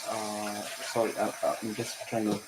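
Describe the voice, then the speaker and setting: A man hosting a live interview on a video call, talking in a halting way with many fillers. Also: on the low side, completely flat delivery, very noisy. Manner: hesitant, many fillers and restarts. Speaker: host.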